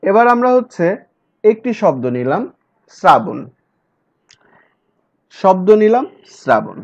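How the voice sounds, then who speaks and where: A male teacher giving an exam-prep lecture, explaining step by step and repeating key words. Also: sits high. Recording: dull lo-fi recording.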